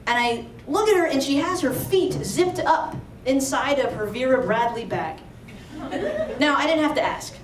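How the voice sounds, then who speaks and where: A young woman from Alexandria, Virginia, tells a true story to a live audience at normal speed, her high voice lively in intonation. She's chatty and conversational, leaning on "like" and "you know." Recorded off-mic from a distance in a roomy venue, she has a crowd audible behind her.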